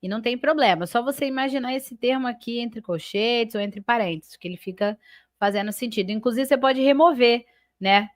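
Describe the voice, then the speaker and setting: A woman's voice: a little high, a little fast, no echo, clean studio sound. A Brazilian woman teaching grammar in a live online class. She explains step by step, checks in often with her students, and stretches out key terms as she names the parts of each sentence. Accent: Brazilian Portuguese. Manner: stretches and stresses key words while labeling sentence parts.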